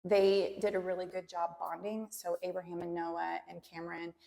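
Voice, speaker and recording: A woman's voice: on the low side, little pitch movement, normal speed, gravelly, dark tone. A woman hosting an interview, chatty and asking guests questions. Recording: long hall reverb.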